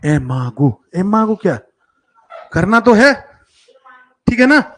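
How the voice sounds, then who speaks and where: A man's voice: sits high, big pitch swings, slow, a bit bright. A man teaching children math in a live online class, coaxing and teasing his pupils and mixing English terms into his talk. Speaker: coaching teacher for school entrance exams.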